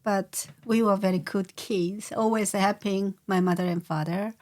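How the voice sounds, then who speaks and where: An older Korean-accented woman speaks as an interview guest, unhurried and halting, stopping often to search for words. Her voice sits at a middle pitch, and she talks at a slow, careful pace. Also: fairly even intonation, darkish tone. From South Korea. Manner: slow, hesitant, many pauses and fillers. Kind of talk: casual interview.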